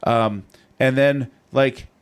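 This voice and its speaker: A man's voice: mid-range voice, fairly even intonation, slow, clear, resonant tone. Podcast host guy, asks stuff in long rambly way with lots of you knows. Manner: rambling questions full of fillers. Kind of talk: casual interview questions.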